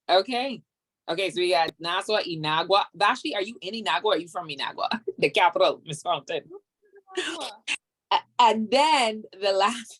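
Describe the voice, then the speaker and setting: A woman's voice: on the low side, fairly bright tone. A woman from Grand Bahama with a Bahamian accent, hosting an online event, upbeat and chatty as she calls out to attendees over a video call. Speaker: host, council chairman.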